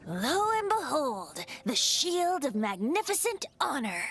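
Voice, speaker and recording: A woman's voice: sits high, very animated, slow pace, fairly bright tone, faint music behind, exaggerated voice. A woman voicing a youthful male bard who is a wind spirit in a game, playful and wise, with a lilting, storytelling way of talking. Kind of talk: game voice acting.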